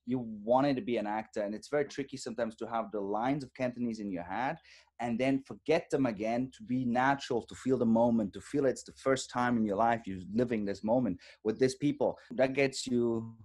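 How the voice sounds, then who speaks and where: Over a video call, an interview guest, a German actor in his thirties who speaks German natively, talks in a thoughtful, halting manner with lots of fillers. His voice is mid-range with a darkish tone.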